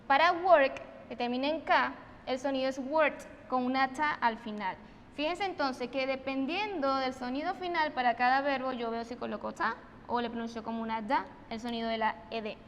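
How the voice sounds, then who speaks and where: A Venezuelan woman teaching English pronunciation, switching between Spanish and English and repeating each example word slowly and with emphasis. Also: high-pitched, in a large hall, a little hiss or hum. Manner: slow, emphatic repetition of example words. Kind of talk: recorded online English lesson.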